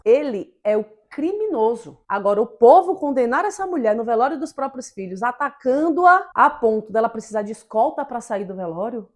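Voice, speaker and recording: A woman co-hosts an opinion talk show with a fairly high voice. She argues emphatically and with indignation, stacking up rhetorical questions to drive her points home. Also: darkish tone. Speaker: podcast co-host.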